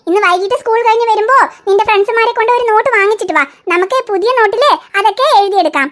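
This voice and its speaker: A woman's voice: very high-pitched, rapid-fire. A woman doing a soothing cartoon mom. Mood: calming. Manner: calming, gently scolding. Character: soothing cartoon mother of three girls. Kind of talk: cartoon voice acting.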